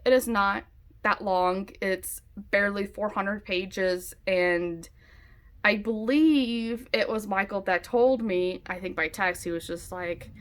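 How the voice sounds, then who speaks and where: A woman's voice: mid-range voice, slow. A woman chats loosely about what she is reading. Her talk wanders and is full of fillers like "like" and "um.". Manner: chatty, rambling, many fillers like "like" and "um". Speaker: book vlogger. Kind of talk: casual chat. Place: home, with a dog nearby.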